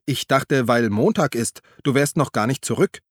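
A man's voice: mid-range voice, lively intonation, moderate pace, dry recording, clean studio sound, voice pushed up, lightly acted. A man voicing an awkward, fussy male police colleague who asks hesitant questions.

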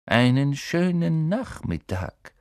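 A man reading aloud, voicing a stern, snide male schoolmaster with a slow, silky, mocking delivery. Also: medium pitch, very animated, creaky, darkish tone, dry recording, studio quality, heavily acted. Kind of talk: audiobook character voice.

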